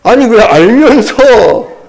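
A man quoting his wife as she patiently reasons with him in slow, steady, point-by-point words during a sermon. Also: very high voice, creaky, pitched above the performer's own voice, exaggerated voice. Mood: patient reasoning. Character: calm wife patiently reasoning with her husband.

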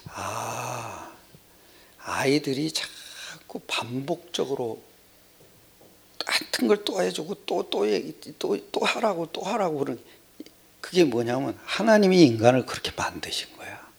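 An older man delivers a sermon with a rough, gravelly, somewhat husky voice. His pitch rises and falls a great deal and sits a little high for a man. He rambles conversationally, shifting from loud exclamations to hushed, whispered asides. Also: big pitch swings, a little slow. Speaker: preacher.

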